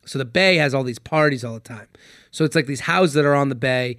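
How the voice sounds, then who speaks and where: A man, a comedian guest on a podcast, telling a story in casual chat, animated and swearing freely. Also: medium pitch, fast talker, no room sound, studio quality.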